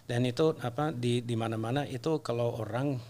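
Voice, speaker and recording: Foreigner speaking halting Indonesian, middle-aged man. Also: mid-range voice, darkish tone. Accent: foreign-accented Indonesian. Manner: halting non-native Indonesian with repeated words and unusual phrasing. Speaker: interview guest. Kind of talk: casual earnest conversation.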